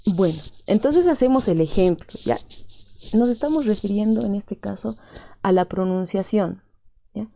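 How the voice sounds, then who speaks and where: Peruvian lady teacher going over a lesson, gravelly low voice, keeps asking "ya?", kinda dull lo-fi audio. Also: moderate pace, dry recording. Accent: Peruvian Spanish. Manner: patient, repeats points, checks in with short questions. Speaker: language teacher. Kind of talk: explaining a lesson step by step.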